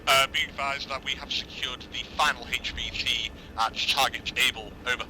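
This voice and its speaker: A man's voice: medium pitch, moderate pace, low-quality recording. A man playing a military game, switching between procedural radio calls and casual, sweary team chat. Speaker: military game player acting as radio operator. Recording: steady vehicle engine noise.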